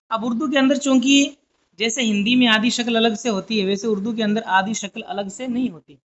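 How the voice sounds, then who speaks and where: A woman's voice: fairly high pitch, a bit bright. A woman teaching a lesson at a careful pace, sounding out letters and words one at a time. She keeps stopping to check that her students follow. The recording is a little dull and lo-fi. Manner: slow, deliberate letter-by-letter explaining with frequent checks. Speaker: Urdu teacher. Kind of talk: classroom lesson.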